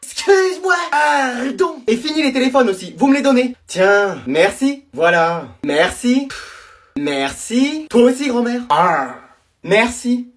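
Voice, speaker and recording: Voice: mid-range voice, sing-song, takes it slowly. Sketch performer voicing many comic roles. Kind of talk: comedy sketch acting.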